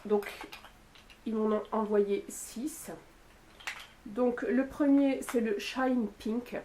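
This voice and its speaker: A woman talking casually into her camera at home, walking through her purchases one by one. Her voice sits a little high, and she fills her pauses with "euh" and "voilà". The sound is plain home-video audio from the camera's own mic. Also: noisy background. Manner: chatty, with frequent fillers and "voilà". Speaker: beauty youtuber. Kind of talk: casual product haul talk to camera.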